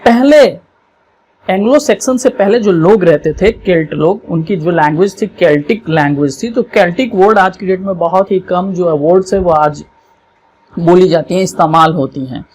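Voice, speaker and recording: A teacher, giving an exam revision lesson over a map, explaining slowly and often checking that students follow. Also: mid-range voice, a little mellow.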